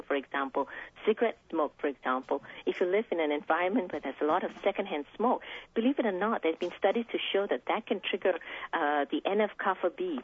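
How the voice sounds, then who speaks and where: Woman physician guest, husky voice over a phone line, thoughtful and explanatory. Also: on the low side. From Singapore. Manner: explanatory, frequent fillers and restarts. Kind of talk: radio interview answers. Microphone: telephone.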